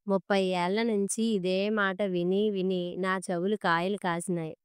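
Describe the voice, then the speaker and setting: Impatient middle-aged husband, read by a woman, curt replies, very clear voice, dry sound. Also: medium pitch, flat delivery, moderate pace, no echo, lightly acted. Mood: irritated. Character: irritable middle-aged husband, fed up with nagging.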